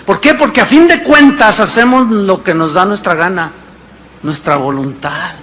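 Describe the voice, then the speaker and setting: A man's voice: high-pitched, moderate pace, a bit bright, slight background noise. A man, preaching a sermon as pastor, emphatic, with rhetorical questions and acted-out dialogues. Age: 50s.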